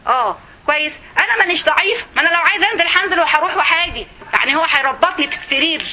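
A middle-aged woman with an Egyptian accent giving an informal religious lesson, lively and conversational, speaking straight to her listeners. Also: very high voice, rapid-fire. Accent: Egyptian Arabic. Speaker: religious teacher.

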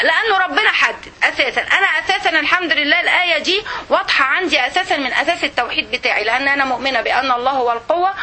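امرأة مصرية تتحدث بحماس وسرعة. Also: female voice, high voice, slight background noise. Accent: Egyptian Arabic. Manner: earnest, animated, slows to recite verses. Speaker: religious speaker. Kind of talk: religious talk.

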